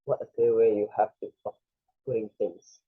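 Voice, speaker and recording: A man voicing a rambling old duchess who agrees with everything, reading in a husky voice over a tinny phone-like line. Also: fairly low pitch, level tone, brisk, no echo. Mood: fawning. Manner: wordy, tangled, eager to agree. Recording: dry, tinny phone-like recording.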